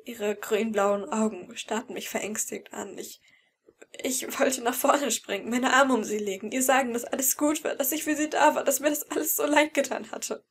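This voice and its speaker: A woman's voice: a little high, moderate pace, husky. A woman reading a fan-fiction audiobook in first person, with emotional, tense storytelling. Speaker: audiobook reader.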